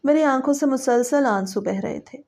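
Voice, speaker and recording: A woman's voice: high-pitched, a little mellow. A woman telling a suspenseful story in the first person, in a tense, dramatic narration.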